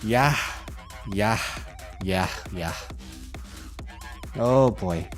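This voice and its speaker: A man's voice: lowish voice, animated, extremely slow, soft background music. Laid-back male game streamer. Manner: laid-back, chuckling asides. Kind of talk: casual reaction commentary.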